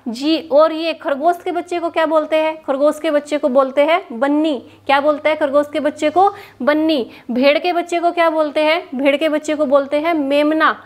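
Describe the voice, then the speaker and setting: A woman teaching an exam-prep lesson, asking a question and answering it herself, standing in a small room. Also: sits high. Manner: repeats questions and answers for drilling. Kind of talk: classroom lesson. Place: hot room without a fan, standing.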